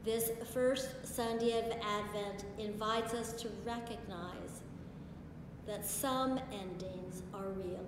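Slow, solemn woman preaching in an echoey church. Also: on the high side. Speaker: pastor. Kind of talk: sermon. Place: large stone church sanctuary, at a pulpit. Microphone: far camera. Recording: echoey church from far off, hiss.

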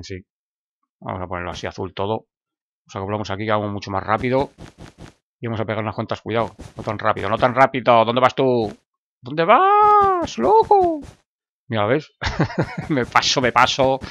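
A man's voice: on the low side, a bit bright. A man with a Spain Spanish accent, chatting playfully through casual gameplay commentary and making silly sound effects. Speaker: gaming YouTuber.

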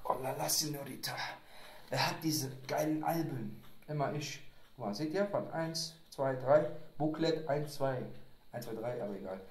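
A man talks loosely through an unboxing at home, joking and wandering off topic as he goes. His pitch swings up and down a lot. The room around him rings with echo, and faint clicks sit underneath. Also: expressive, moderate pace, darkish tone, slight background noise. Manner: rambling, joking, playful. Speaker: unboxing vlogger. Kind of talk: casual unboxing chat. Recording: echoey room.

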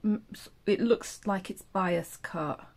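A woman's voice: medium pitch, slow pace, vocal fry, darkish tone. A woman sits in a chair at home, chatting casually as she goes through a sewing magazine. Her talk is loose and friendly, full of restarts and playful asides. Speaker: sewing vlogger reviewing a pattern magazine. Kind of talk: casual chat. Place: indoors at home, seated in a chair.

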